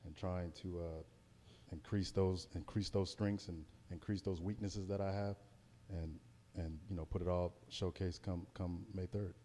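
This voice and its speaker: A man's voice: sits low, dark tone, long reverb tail. An American man, a heavyweight boxer, giving a casual pre-fight interview in a hesitant, circling way. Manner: hesitant, circling, repeats words.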